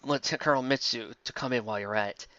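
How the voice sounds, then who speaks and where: A reader playing a gruff, irritated military colonel in an anime parody, curt, commanding and sarcastic. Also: mid-range voice, fast talker, a bit bright, no echo, voice pushed down, lightly acted. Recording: dull lo-fi recording.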